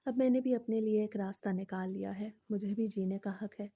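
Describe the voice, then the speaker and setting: A woman voicing a calm, defiant wife who answers back in a composed, matter-of-fact way. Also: mid-range voice, breathy edge. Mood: calm defiance.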